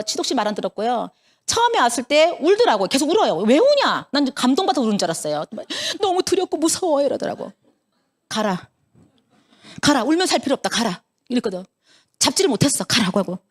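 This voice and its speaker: A woman's voice: high voice, quick pace. A woman in her fifties giving a motivational talk as a business leader, telling stories and acting out the dialogue, with a Busan-area accent. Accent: Korean, Busan area. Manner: animated storyteller acting out dialogue. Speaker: network marketing business leader.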